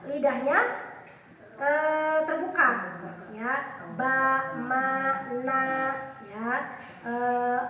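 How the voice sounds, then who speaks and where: A woman teaching a class. She quizzes her students and repeats sounds slowly to demonstrate them. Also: high voice. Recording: echoey hall, far from the mic, dull sound.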